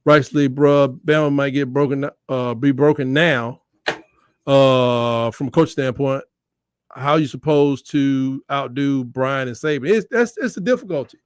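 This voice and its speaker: A man's voice: medium pitch, a little slow, clean tone, dry recording, clean studio sound. A man co-hosting a casual sports debate, joking in a folksy, colloquial way. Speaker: sports show co-host.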